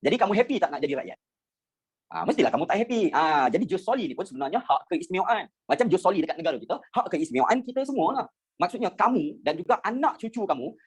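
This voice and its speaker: A man's voice: a little high, slightly rough. A young Malaysian man teaching a history lesson online, chatty, slipping English phrases in and checking again and again that his students understand.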